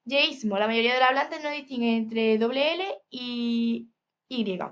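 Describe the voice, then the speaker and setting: A woman's voice: fairly high pitch, unhurried, highs cut off. A woman with a Spain Spanish accent gives a lecture from slides, reading steadily and adding "eh" and "¿vale?" asides. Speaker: teacher presenting a topic.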